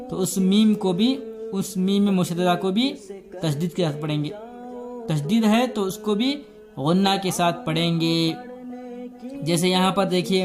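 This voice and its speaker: A man teaching a tajweed lesson step by step, patiently repeating each point and spelling out letters. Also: high-pitched. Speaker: Quran recitation teacher.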